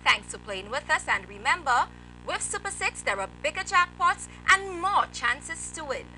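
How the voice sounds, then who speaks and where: A woman's voice: high-pitched, very animated, normal speed, sharp tone, a little hiss or hum, low-quality recording. A young woman presenting a televised lottery draw, announcing formally from a script as the host. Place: TV studio.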